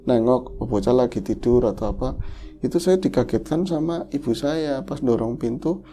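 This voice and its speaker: A man's voice: medium pitch, normal speed, dark tone, a little hiss or hum. A man hosting a horror podcast, emotionally retelling a listener's tragic story in the first person.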